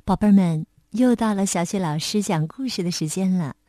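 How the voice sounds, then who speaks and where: A woman storyteller narrating a children's story, sing-song and expressive, speaking to little listeners. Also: mid-range voice, fairly quick, soft background music.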